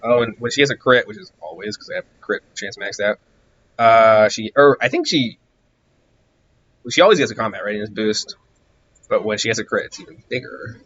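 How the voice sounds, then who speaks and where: A man streaming a game, rambling distractedly through casual commentary while he grows hoarse and loses his voice. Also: fairly low pitch, lively intonation, fairly quick, a bit bright, muffled recording, slight background noise. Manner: rambling, distracted, musing aloud.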